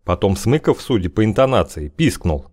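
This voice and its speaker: Low-voiced male audiobook narrator. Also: very animated, moderate pace, darkish tone. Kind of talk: scripted narration.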